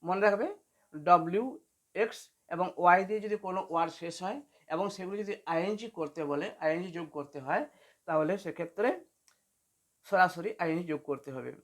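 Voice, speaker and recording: A woman's voice: fairly low pitch, a little fast. A woman teaching an English spelling lesson for beginners, patiently spelling words out letter by letter.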